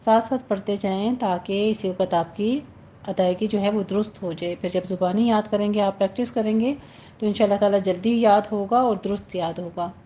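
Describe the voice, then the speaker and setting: Woman recitation teacher, mellow voice, muffled recording, slow drawn-out chanting between brisk explanations. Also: mid-range voice, steady tone, slight background noise. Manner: chants verses very slowly with long drawn vowels, then explains rules briskly. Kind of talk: slow tajweed lesson, recitation alternating with explanation.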